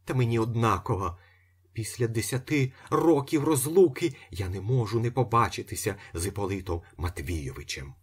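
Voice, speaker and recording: Nervous lady begging for a favor, breathless and urgent, husky, a man reading her part. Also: lowish voice, animated, moderate pace. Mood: pleading. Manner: urgent, pleading. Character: anxious, pleading middle-aged woman.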